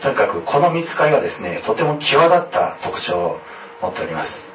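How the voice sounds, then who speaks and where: A man preaching a sermon in a formal, measured way, often pausing on hesitant fillers. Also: mid-range voice, very animated, a bit bright. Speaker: pastor. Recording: echoey room, distant mic, faint noise.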